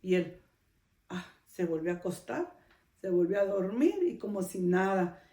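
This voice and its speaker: A woman's voice: on the low side, lively intonation, measured pace, mellow, recorded from a distance. A middle-aged woman, hosting a podcast and telling a personal story in a conversational way, often adding a questioning tag to her sentences. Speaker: podcast host. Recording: roomy sound, speaker off-mic.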